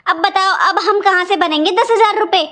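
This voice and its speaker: A woman's voice: very high voice, moderate pace, sharp tone. A woman voicing a stingy, scolding aunt by marriage in a cartoon, with a taunting, complaining manner. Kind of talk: cartoon voice acting.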